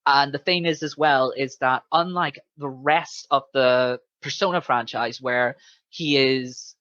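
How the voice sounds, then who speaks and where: A man co-hosting a casual chat about video games, retelling things in an animated way and acting out quotes. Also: mid-range voice, measured pace, dry recording. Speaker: podcast co-host. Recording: dull, muffled lo-fi sound.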